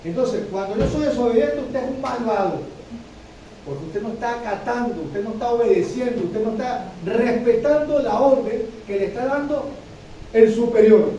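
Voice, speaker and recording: A man's voice: very high voice, normal speed, dark tone, a little hiss or hum. A man preaching a sermon. He repeats himself and keeps checking in with his listeners by asking "¿sí?". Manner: repetitive, addresses listeners with frequent "¿sí?". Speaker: pastor. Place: church hall. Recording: echoey room, from far off.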